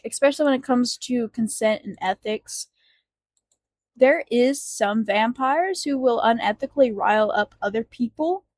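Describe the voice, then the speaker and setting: A woman's voice: fairly high pitch, dry recording. A woman co-hosting a podcast in casual chat, chatty and giggly, with many fillers. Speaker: podcast co-host.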